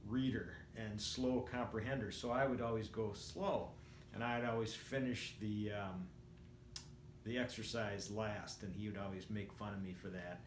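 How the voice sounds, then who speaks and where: A vlogger in his sixties tells personal stories casually to camera at an average pitch, reflective and rambling, halting as he gathers his thoughts. The recording is roomy and echoing, with faint noise.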